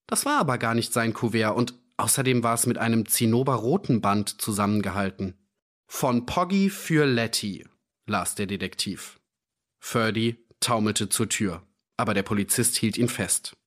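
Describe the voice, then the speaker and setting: A man reading a novel aloud as audiobook narrator, measured and giving each character a voice. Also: on the low side, fairly bright tone.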